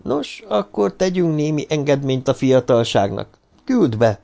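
A man's voice: a little high, sing-song, gravelly, dark tone, voice pushed up. A man voicing an aging male institute head who talks in dismissive, clipped questions, in a Hungarian audiobook reading. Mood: curt.

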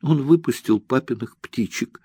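A man voicing a tearful young woman who pleads and sobs, his voice lifted well above its usual pitch. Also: normal speed, dark tone, slightly rough, no room sound, studio quality, lightly acted. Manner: sobbing, imploring.

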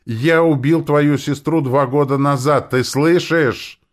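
Man doing a desperate, shouting stranger. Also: fairly low pitch, animated, normal speed, pitched above the performer's own voice, close to an everyday voice. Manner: shouting, pleading. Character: desperate frightened man pleading loudly.

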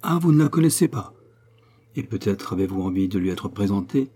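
A man's voice: animated, a little fast, mellow, husky. A man reading a novel aloud, voicing a scheming, sneering woman in a raised, mocking tone. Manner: sneering, mocking, shrill outbursts.

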